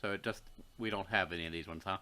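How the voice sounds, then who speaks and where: A man's voice: low voice, fairly even intonation, fast talker, pushed and bright. A man co-hosting a game playthrough, reading the game's narration aloud and chatting. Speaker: let's play co-host.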